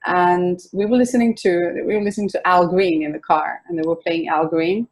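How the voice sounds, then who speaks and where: Swedish woman, relaxed and chatty. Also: fairly low pitch, a little fast. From Sweden. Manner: relaxed and chatty, with soft laughs and restarts. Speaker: guest singer-songwriter. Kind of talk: casual interview chat. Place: home in a city apartment.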